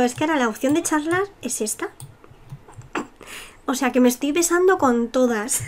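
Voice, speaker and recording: Chatty young woman from Spain, slightly high. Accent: Spain Spanish. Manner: chatty, giggly, self-mocking asides. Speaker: gameplay youtuber. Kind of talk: casual game commentary.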